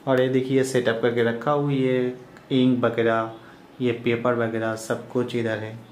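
In a casual shop-tour vlog, a young man in his twenties shows off his small cyber cafe and names its services one after another in a plain way. He speaks at medium pitch, flat and a little slow. There's a bit of hiss or hum, and the small room echoes with faint ambience.

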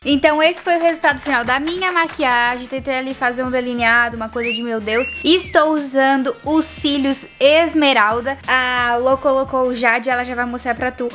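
A woman's voice: sits high, steady tone, normal speed, hardly any pauses, fairly bright tone. A young woman with a Brazilian accent, chatting in a playful, slangy, jokey way for a vlog. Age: young adult. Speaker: vlogger. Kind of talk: casual chat, slangy. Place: hotel room. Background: background music.

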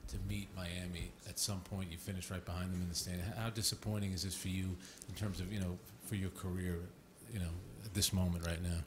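A man's voice: sits low, level tone, fairly quick, hardly any pauses, background noise. A male sports reporter asking direct questions at a press conference.

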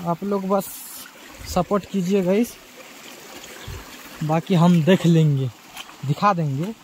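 Speaking slowly in a high voice, a weary travel vlogger from Chhattisgarh chats with his viewers, addressing them as "guys," as he rides and hikes through rural roads and forest trails. The body-worn camera audio is rough, carrying a slight hiss or hum.

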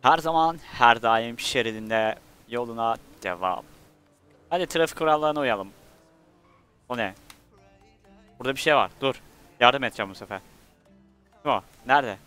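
Bright-voiced joking man gaming. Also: mid-range voice, lively intonation, unhurried, long pauses, smooth, soft background music. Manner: joking, rambling, talks to himself. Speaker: gamer. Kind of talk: let's play commentary.

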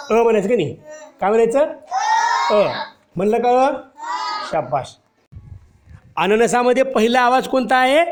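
A man teaching a first-grade class, patiently asking and repeating simple questions for young children, with some faint noise behind him. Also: sits high. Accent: Marathi. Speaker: primary school teacher.

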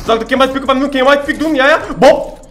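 A man's voice: very high-pitched, fast, a bit bright, a little hiss or hum. A young man giving boastful, trash-talking commentary over his own gameplay. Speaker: gaming YouTuber.

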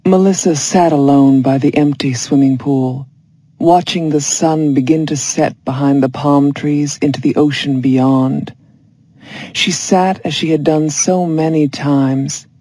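A story narrator reading with slow, careful pacing. The tone is mellow and dark, and the sound is close and dry, with no room in it. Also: medium pitch, no echo. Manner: measured, even reading. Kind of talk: scripted story narration for listening practice.

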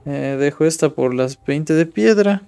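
A man's voice: fairly high pitch, lively intonation, a little slow, gravelly, dark tone, smooth. A young man from Ecuador giving casual live commentary while playing a mobile game and chatting with viewers. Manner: casual, chatty, reads viewer chat aloud. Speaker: streamer.

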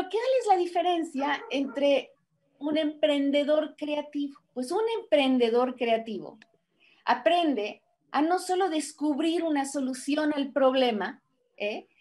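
A woman giving a motivational conference lecture in an animated way, full of rhetorical questions and acted-out voices. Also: high-pitched. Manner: acts out people's voices and excuses. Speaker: conference speaker.

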